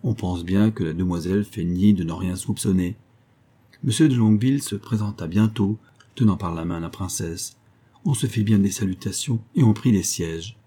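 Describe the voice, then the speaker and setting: A man reading a literary story aloud in an even, measured narration. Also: low voice, slightly rough. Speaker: audiobook narrator.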